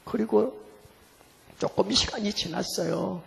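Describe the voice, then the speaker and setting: High-voiced gravelly pastor in a reverberant church. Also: male voice, takes it slowly. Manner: lively storytelling, swings from hushed to loud. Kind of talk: storytelling sermon. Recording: long hall reverb, faint music behind.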